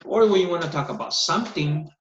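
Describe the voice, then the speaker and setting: A man's voice: fairly high pitch, expressive, fast talker, fairly bright tone, a little hiss or hum. A male teacher giving an online English lesson, explaining patiently step by step, his voice captured in a screen recording of a video call. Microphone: computer mic on a video call. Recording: echoey, dull video-call audio.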